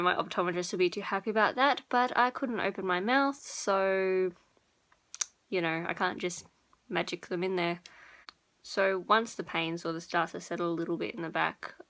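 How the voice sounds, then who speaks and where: This is a young woman, a beauty and lifestyle vlogger, talking casually to her viewers in a fairly low voice with vocal fry and a fairly bright tone. Her intonation stays fairly even and her pace is moderate, and she rambles a bit and corrects herself as she goes.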